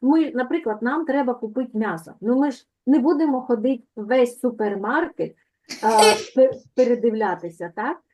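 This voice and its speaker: A woman teaching a language lesson over a video call, patiently repeating words slowly to correct pronunciation. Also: a little high, highs cut off, background noise.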